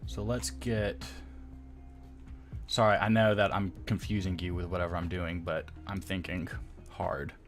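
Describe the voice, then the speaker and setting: A man's low voice, with little pitch movement and a slightly slow pace, carries casual live-stream commentary as he mods a game, soft music playing behind. Rambling and self-deprecating, he thinks aloud, mutters little sound effects, and pokes fun at the mistakes he makes.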